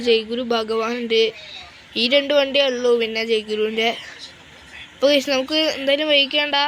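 A chatty woman, her voice sitting a little high as she talks through a bus-driving game. Engine rumble and traffic sounds from the game run clearly under her voice. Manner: chatty, often cries out at near crashes. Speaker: gaming YouTuber. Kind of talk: casual gameplay commentary.

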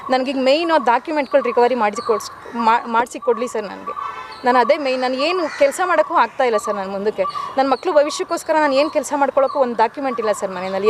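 Widowed woman in her forties, fast and pleading, on the street with loud crows behind her. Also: on the high side, background noise. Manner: urgent, pleading, keeps addressing the reporter as sir. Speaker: widow making a complaint to reporters. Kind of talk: news interview statement.

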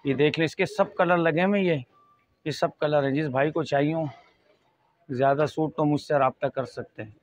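A man in his thirties with a Pakistani accent, giving an informal, repetitive sales pitch as a fabric shop salesman. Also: fairly even intonation, moderate pace, dry recording. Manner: repetitive, price-quoting salesman's patter. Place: small fabric shop indoors. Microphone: lapel mic. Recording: dull, muffled lo-fi audio.

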